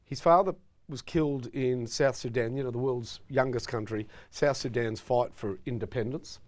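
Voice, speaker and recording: A man's voice: mid-range voice, normal speed. A middle-aged Australian man co-hosting a casual football chat show, opinionated and emphatic as he tells stories. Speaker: co-host.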